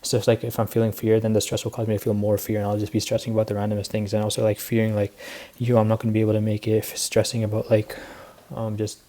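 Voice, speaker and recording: A teenage boy talks through his week in a loose, filler-heavy ramble, sounding tired and a little out of breath. His voice sits low and dark, with a flat, even delivery. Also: quick pace, hardly any pauses. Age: teens. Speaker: student trader recapping his week. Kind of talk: casual spoken recap.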